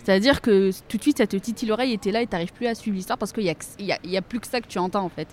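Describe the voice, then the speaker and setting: A woman's voice: medium pitch, racing, a little mellow, slight background noise. A woman co-hosting a film review show, chatting casually and explaining her point step by step. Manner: explaining, frequent "tu vois". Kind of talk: casual chat.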